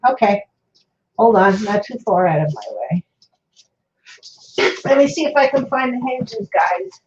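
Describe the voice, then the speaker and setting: Her voice is a little high, animated and slightly mellow, and she takes her time. The woman's articulation is somewhat mushy and toothless as she chats casually and thinks aloud during a craft livestream at an indoor worktable. The highs are cut off, with slight background noise.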